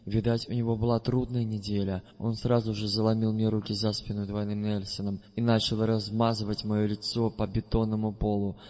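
A man reading a first-person audiobook in a measured, deliberate way. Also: on the low side, flat delivery, darkish tone. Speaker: audiobook narrator. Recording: dull recording with long reverb.

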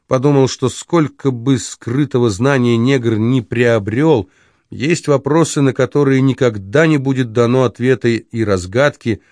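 A man narrating a novel in a measured, expressive reading voice. His pitch sits in the middle range for a man. The recording is dry and close, with no room sound. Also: no room sound. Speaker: audiobook narrator. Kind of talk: scripted narration.

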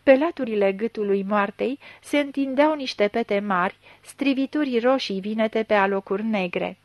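A woman narrating a story in a measured, even reading. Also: fairly high pitch, dry recording. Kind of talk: audiobook reading.

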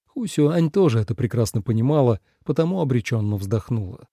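A man narrates an audiobook in a measured, expressive reading at medium pitch. The studio sound is clean with no echo.

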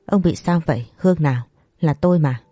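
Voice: mid-range voice, a little fast, mellow, no echo, studio quality, natural voice. The narrator voicing a stern older wife and mother who talks in a curt, bossy way. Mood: scolding.

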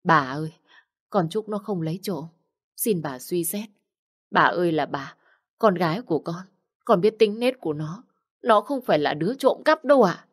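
A woman's voice: fairly low pitch, expressive, normal speed, pauses often. A woman voicing a humble servant mother pleading for her daughter. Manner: pleading, submissive.

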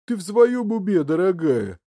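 A man's voice: sits high, wildly swooping pitch, measured pace, warm tone, slightly rough, exaggerated voice. Field: story. Figure: a man playing a grumbling middle-aged father. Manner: grumbling, grumpy.

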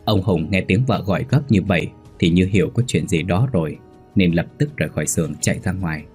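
A man narrating a ghost story in a steady storytelling manner. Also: low voice, fairly quick, breathy edge, faint music behind.

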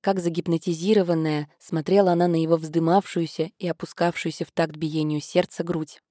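A woman narrating an audiobook in a measured, steady reading voice. Her tone is low and mellow. The recording is dry and close. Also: dry recording. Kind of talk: scripted narration.

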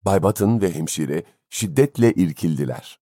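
A man reading a story aloud as an audiobook narrator, in a measured, expressive way. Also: low-pitched, no echo, clean studio sound. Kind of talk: scripted narration.

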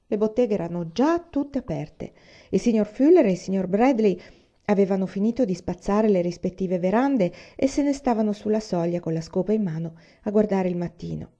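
A woman reading a children's novel aloud in a calm, measured storytelling manner, lifting her voice higher for the characters' lines. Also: lo-fi sound. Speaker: reader.

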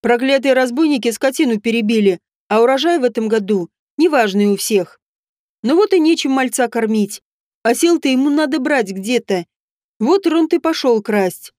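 Woman reading as a slow, blunt old village granny. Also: fairly high pitch, animated, a little mellow, dry recording, clean studio sound, lightly acted. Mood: matter-of-fact.

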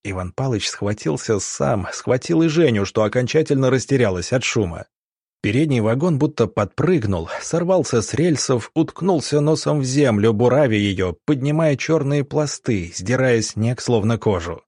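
A male audiobook narrator reads with a dramatic, measured delivery. His voice sits at a medium pitch, and the recording is dry and close, with no room sound. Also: expressive, a little mellow, breathy edge, no echo.

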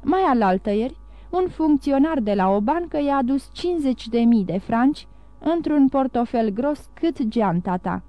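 A woman's voice: high voice, animated, dry recording, highs cut off. Woman voicing a cunning young schemer. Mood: boastful. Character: young man, cunning smooth-talking schemer.

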